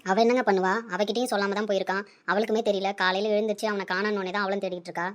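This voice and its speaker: A woman's voice: medium pitch, fairly even intonation, very fast, natural voice. A woman voicing a middle-aged mother who talks anxiously about her son. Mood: protective.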